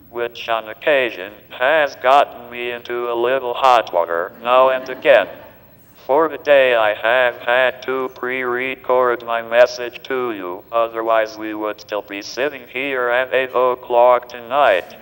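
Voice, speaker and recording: A man's voice: mid-range voice, fairly bright tone, clear, resonant tone. A synthetic male text-to-speech voice delivering a prepared speech through a communication device. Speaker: panel speaker using a communication device. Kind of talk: pre-recorded prepared speech. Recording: reverberant hall playback.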